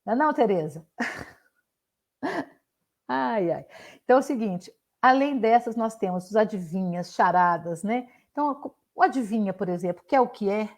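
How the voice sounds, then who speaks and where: A woman's voice: medium pitch, animated, moderate pace, a little mellow. An older woman, a professor giving a playful live online talk, reciting riddles and tongue twisters with frequent restarts over a video call microphone. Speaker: guest speaker, professor.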